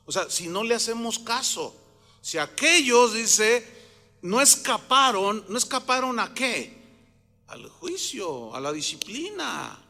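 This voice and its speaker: A man's voice: very high-pitched, sing-song, takes it slowly, creaky, pushed and bright, in a large hall, faint music behind. A man preaching a sermon with emphasis, often putting questions to the congregation. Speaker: pastor.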